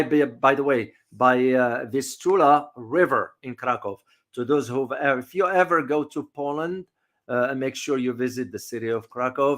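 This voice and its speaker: A middle-aged man hosting a casual community livestream, talking in a halting way with many fillers and restarts. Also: medium pitch, fairly bright tone. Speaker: host.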